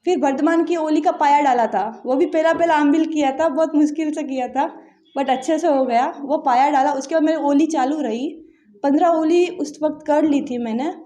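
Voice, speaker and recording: A woman's voice: sits high, moderate pace, warm tone. A young woman from Rajasthan earnestly recounting a personal story in casual interview talk, acting out her family's words as she goes. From Barmer, Rajasthan, India.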